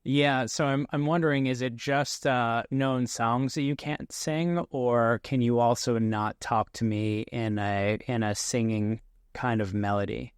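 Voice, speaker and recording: A man's voice: medium pitch, fairly even intonation, a little slow, clean tone, no echo, studio quality. A man hosting a podcast, curious and probing, who asks questions with hesitant restarts in a casual chat. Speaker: podcast host.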